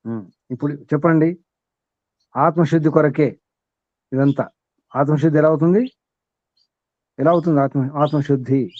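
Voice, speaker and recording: Speaking at a normal speed with long pauses, a man whose voice sits on the high side leads a question-and-answer spiritual discourse. He poses questions, stresses key words by repeating them, and lets out the odd chuckle between points, all captured in a slightly dull, dry, echo-free recording.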